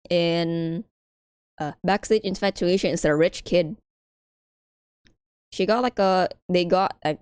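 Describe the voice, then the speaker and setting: A woman's voice: sits low, darkish tone, smooth, no room sound, studio quality. A young woman streaming a visual novel, chatting, giggling and reading the game text aloud in a rambling way. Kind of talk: casual game commentary.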